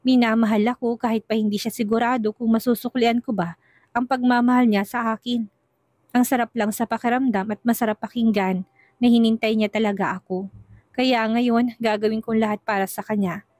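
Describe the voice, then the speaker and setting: A woman narrates a love story in the first person. She tells it softly and steadily in a higher voice. The recording is close and dry. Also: fairly even intonation, brisk, no room sound.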